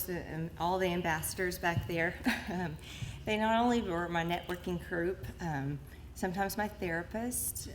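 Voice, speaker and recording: A woman giving a heartfelt thank-you speech in a halting way, with many ums and soft laughs. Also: fairly low pitch, a little hiss or hum. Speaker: speaker thanking the community. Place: event hall at a lunch.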